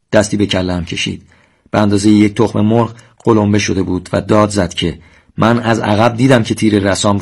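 Male narrator with a somewhat low voice for a steady, solemn reading of a war memoir. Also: vocal fry.

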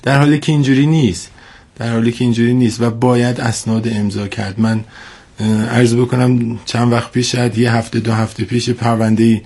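Here's an expert radio-interview guest with a cold, his nose stuffed up. He sounds formal and hesitant and restates points to stress them. His pitch is medium and his tone level, a little mellow with slight roughness.

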